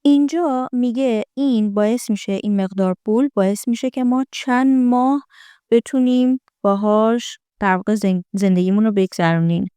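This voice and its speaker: Woman teaching English, smooth and dry. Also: a little high, mellow, no echo. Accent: American English. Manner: repeats lines slowly, then explains. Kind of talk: explaining film lines in an English lesson.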